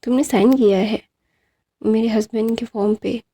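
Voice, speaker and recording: A woman's voice: a little high, steady tone, normal speed, dark tone. A woman voicing a desperate, pleading rejected woman in a romance retelling.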